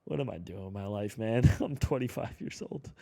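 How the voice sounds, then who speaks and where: A man in his early twenties giving casual play-by-play commentary over a basketball video game, excitable and breaking into sudden shouts. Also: lowish voice, normal speed, vocal fry, no room sound, clean studio sound. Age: 20s. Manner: excitable, calls plays aloud with sudden shouts. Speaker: gaming YouTuber.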